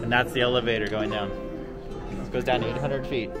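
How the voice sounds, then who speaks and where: A man's voice: mid-range voice, fairly even intonation, a little fast, loud music behind the voice. A man in his thirties narrating a family road trip vlog in a chatty, offhand way, filming himself at arm's length in the car and at stops. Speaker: family travel vlogger. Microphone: handheld camera at arm's length.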